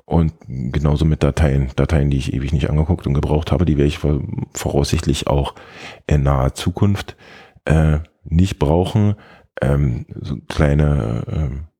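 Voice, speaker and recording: A man with a very deep, mellow voice talks through tech tips in a relaxed podcast chat. He hesitates often, filling gaps with ums as he explains step by step. His tone has a husky edge. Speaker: podcast co-host.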